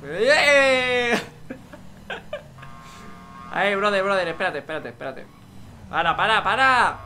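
Young man, Spanish accent from Spain, bright edgy voice, hyped game commentary. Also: on the high side, a little hiss or hum. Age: young adult. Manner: excitable, swears and yells at other players. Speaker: gaming YouTuber. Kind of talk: live gaming commentary.

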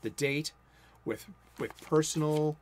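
He takes it slowly, his voice a little high. The host is a forties-aged Boston man giving a relaxed spoken sermon from a cluttered home room, rambling and interrupting himself, and he mumbles and speeds up as excitement builds.

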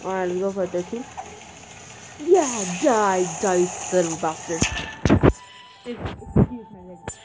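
A young-sounding female-pitched gamer giving casual, excitable gameplay commentary, with difficulty saying R sounds. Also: measured pace, long pauses, noisy background. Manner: excitable, exclaims and mutters to self. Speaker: gaming video maker. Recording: game music behind the voice. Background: game music.

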